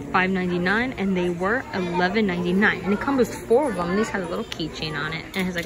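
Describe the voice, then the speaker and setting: A woman's voice: fairly low pitch, poor audio. A young woman vlogging casually as she walks through a store, chatting and listing prices while gushing over items. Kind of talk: casual shopping walkthrough. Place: indoor retail store. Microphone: handheld phone camera. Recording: busy store with crowd noise. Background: store crowd chatter.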